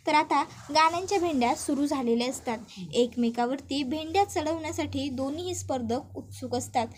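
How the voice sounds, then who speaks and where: A woman's voice: high-pitched, brisk, a little hiss or hum. A woman narrating a recap of a TV serial in a chatty storytelling manner, speaking to her viewers. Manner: chatty storyteller who addresses viewers and reads all the characters' lines.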